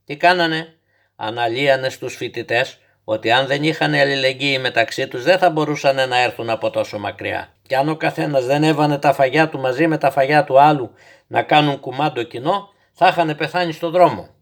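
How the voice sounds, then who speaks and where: A stubborn, dreamy old grandfather from a storybook, as a man reads him, telling outlandish tales with calm, patient certainty. He is gently instructive and never flustered, as if every wild detail were plain fact. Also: mid-range voice, creaky, close to an everyday voice.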